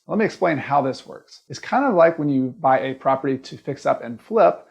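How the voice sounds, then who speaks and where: Gravelly Southern US man explaining things. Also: medium pitch, dull audio. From American South. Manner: plain-spoken, explains step by step with simple analogies. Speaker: real estate investing educator and video host. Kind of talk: casual explanatory video lesson.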